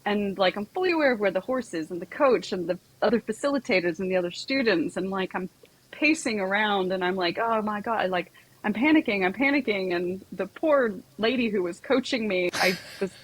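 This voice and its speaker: A woman with a husky, slightly breathy voice, speaking as a guest on a podcast. She tells stories casually, leaning on "like" and "you know" as she goes. Her pitch sits in the middle range. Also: expressive, a little fast, rough recording. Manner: chatty storytelling full of "like" and "you know". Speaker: psychotherapist and equine coach guest.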